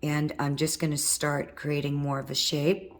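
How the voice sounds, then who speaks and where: A middle-aged woman with a low, worn-out, hoarse voice, husky from vocal cord nodules, leads a step-by-step wire craft tutorial. She chats casually as she works with her hands, at a moderate pace and level tone, with a little hiss or hum in the recording.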